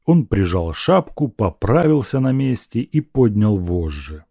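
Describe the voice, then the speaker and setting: Male narrator, lively reading, dry close sound. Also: fairly low pitch, unhurried, no room sound. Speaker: audiobook reader. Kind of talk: scripted narration of a classic novel.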